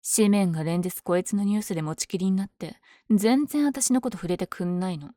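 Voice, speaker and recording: Villainess for ASMR audio drama, female actor: dark velvety tone, cocky, smitten with her rival, teasing delivery, dry intimate sound. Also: medium pitch, a little fast, dry recording, close to an everyday voice. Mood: breezy, taunting. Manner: teasing, breathy asides. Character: powerful flirtatious villain lady, smitten with her hero rival.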